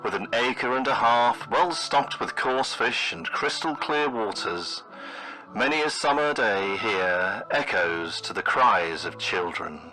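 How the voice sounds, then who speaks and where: A man narrating a scripted mock travelogue in the manner of an old newsreel, with formal, florid, deadpan delivery. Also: on the low side, takes it slowly, low-quality recording. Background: music.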